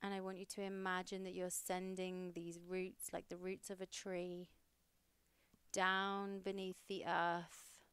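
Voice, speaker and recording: A young woman hosting a podcast, leading a guided meditation in a slow, soothing, steady way. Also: lowish voice, smooth, no room sound.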